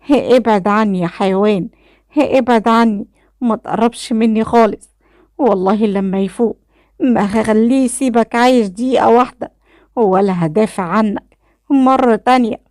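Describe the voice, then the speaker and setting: Woman doing a panicky young egyptian girl, high and loud, dry close sound. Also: normal speed, no echo, natural voice. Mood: furious. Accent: Egyptian Arabic. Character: young woman, frightened and pleading.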